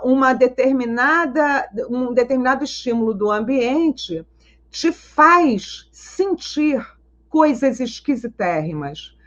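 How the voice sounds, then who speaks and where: Animated woman lecturing over muffled stream. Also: high-pitched. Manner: animated, teacherly, tells anecdotes, frequent rhetorical questions. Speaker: psychologist and schema therapy teacher. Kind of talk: live online Q&A lecture.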